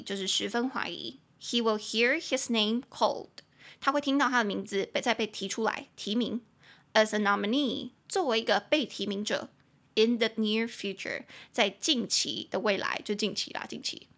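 A woman's voice: on the high side, a bit bright. A woman with a Taiwanese Mandarin accent, hosting a casual podcast lesson in which she chats and spells English words out letter by letter. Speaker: podcast host and English teacher.

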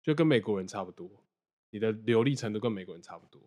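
Young guy hosting a chatty podcast, fast, keeps prompting and summing things up. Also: lowish voice, expressive, dark tone. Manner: prompting, sums up the guest's points. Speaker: podcast host. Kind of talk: casual interview.

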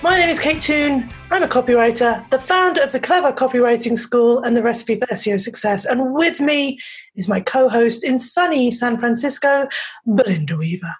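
Female podcast host, breathy and fairly high, playful teasing chat, faint music underneath. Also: normal speed, low-quality recording.

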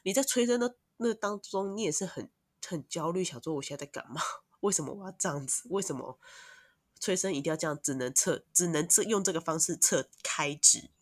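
A woman, a mother of two, telling long, animated stories as a podcast guest. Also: lowish voice, brisk, no room sound, studio quality. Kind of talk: casual podcast chat.

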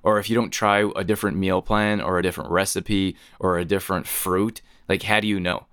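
A man's voice: sits low, steady tone, a little fast, a bit bright, no room sound, clean studio sound. A man hosting a podcast, telling rambling, chatty stories and laughing often. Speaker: podcast host. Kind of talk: casual storytelling monologue.

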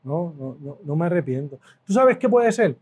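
A middle-aged man with a Puerto Rican accent, a food business owner telling stories as an interview guest, animated and repeating words for emphasis. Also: on the high side, moderate pace, slightly rough. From Puerto Rico. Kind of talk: casual interview storytelling.

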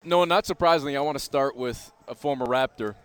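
Mid-pitched man interviewing on sports radio. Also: fairly quick, clear, resonant tone. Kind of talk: conversational interview questions.

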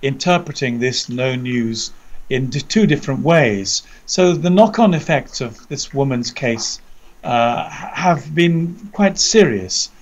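A man with an English accent giving conversational news commentary over an internet call, measured and articulate, often repeating words as he searches for the next. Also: medium pitch, lively intonation, lo-fi sound. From Britain. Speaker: commentator, co-presenter. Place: indoors under a roof, remote audio call.

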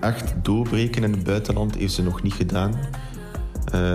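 A man presenting music recommendations in a measured way, with small hesitations. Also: low-pitched. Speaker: music ambassador for Belgium. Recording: music bed underneath.

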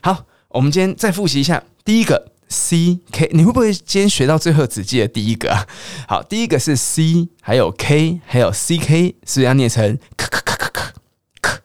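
A man teaching English pronunciation on a radio lesson, spelling out letters and repeating each word slowly for listeners to say aloud. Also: a little high, animated, a little mellow, dry recording, studio quality. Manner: drills words slowly and repeats them.

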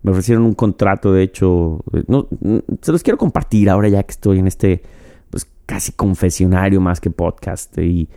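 A man with a low, warm voice and a Mexican accent hosts a podcast alone at a moderate pace. He sips mezcal as he talks, rambling and cracking jokes laced with profanity in a casual solo monologue.

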